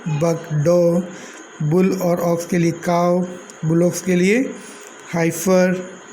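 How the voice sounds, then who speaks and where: A man with an Indian English accent teaching an English grammar lesson in Hindi, reading word pairs out in slow lists. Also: high voice, flat delivery, mellow, a little hiss or hum, poor audio.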